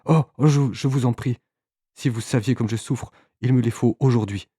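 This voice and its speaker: A man's voice: on the low side, normal speed, warm tone, dry recording, studio quality, natural voice. A man voicing a distressed hypnotized woman who stammers and pleads through tears. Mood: pleading.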